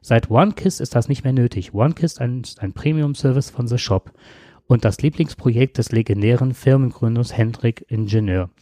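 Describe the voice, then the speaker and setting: Brief: male host reading aloud, mellow tone, dry close sound. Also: mid-range voice, no echo. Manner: brisk storytelling with asides.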